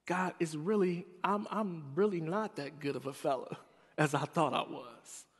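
Animated male preacher from Chicago. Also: a little high, a little slow, husky. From Chicago, United States. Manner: animated, humorous, confessional. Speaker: chapel speaker. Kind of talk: storytelling sermon. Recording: long hall reverb.

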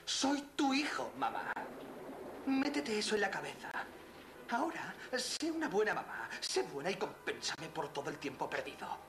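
A man's voice: high voice, very animated, normal speed. An actor playing an unhinged, menacing young man, childish and bitter, taunting and insistent in a dub. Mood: demanding, childish. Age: young adult. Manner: taunting, insistent repetition, swinging from soft to loud. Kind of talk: dubbed TV thriller acting. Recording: noisy old TV film soundtrack.

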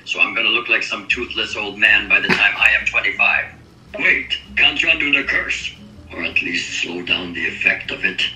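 A man's voice: on the low side, moderate pace, sharp tone. A synthetic man's voice playing a vain, touchy young female pop star who talks back indignantly, played back over a speaker. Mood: desperate. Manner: indignant, defensive. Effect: synthetic text-to-speech voice. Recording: echoey speaker playback, faint music.

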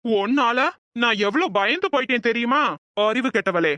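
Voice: mid-range voice, expressive, moderate pace, pushed and bright, no room sound. An actor voicing a worried young husband in a comic cartoon, speaking sternly and scolding his wife.

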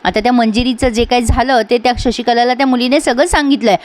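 A woman's voice: on the high side, steady tone, fast. A woman recapping a TV serial episode in a chatty, storytelling way. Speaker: serial reviewer.

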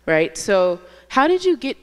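A woman's voice: a little high, big pitch swings, unhurried. A young woman from Indiana interviewing a guest onstage, earnest and building her points in lists, speaking into a handheld mic. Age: young adult. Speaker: interviewer, host. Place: large hall stage, seated. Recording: long hall reverb.

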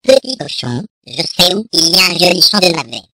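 Reader doing storybook big bad wolf, sly and scheming, bright dry voice. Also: medium pitch, big pitch swings, brisk, no room sound, rough recording. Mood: wheedling. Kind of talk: storybook reading.

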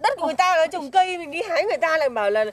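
A woman trades jabs in a comedy skit. Her voice sits high and she talks quickly, teasing and accusing her friend in a gossipy way. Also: animated. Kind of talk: comedic banter.

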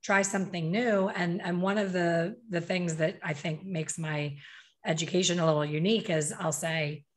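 A woman in her fifties, a hair color educator talking animatedly on a video call, gesturing with her hands and acting out what people say. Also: lowish voice. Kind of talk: casual video call interview. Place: small bright room at home. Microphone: desk microphone on video call.

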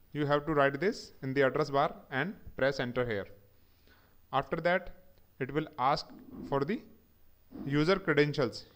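A male instructor with a somewhat high voice narrates a screen-recorded tech tutorial. He goes methodically, step by step, spelling out every command.

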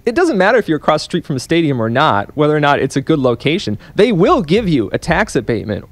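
A man's voice: fairly high pitch, very animated, fast talker, no echo. A young man in his twenties, a policy analyst guest on a radio show, explaining earnestly and at length with frequent restarts. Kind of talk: radio interview. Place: radio studio. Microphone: studio microphone on a boom arm.

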